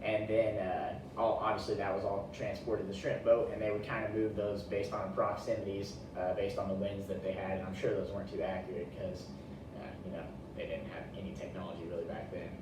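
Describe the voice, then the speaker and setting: Talking fairly quickly in a low voice with little pitch movement, a young man delivers a colloquial, folksy class presentation. The distant room mic in this echoey indoor space yields a very reverberant, noisy sound.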